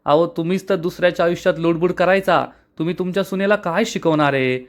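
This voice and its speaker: A haughty young wife who snaps and sneers at the whole household, as a man reads her lines. Her words come quick and scornful, in a fairly high voice. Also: close to an everyday voice. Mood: angry. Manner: snapping and scornful. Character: arrogant young woman, elder daughter-in-law.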